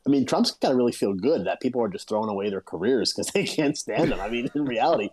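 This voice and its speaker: A man's voice: medium pitch, lively intonation, fast talker, a crowd in the background, low-quality recording. A man co-hosting a casual podcast chat, talking in emphatic, incredulous bursts. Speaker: podcast co-host.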